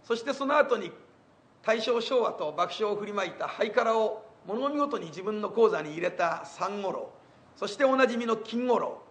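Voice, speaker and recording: An older man telling stage reminiscences in rough, colloquial speech with wry asides. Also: high-pitched, animated, moderate pace, fairly bright tone. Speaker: comic storyteller.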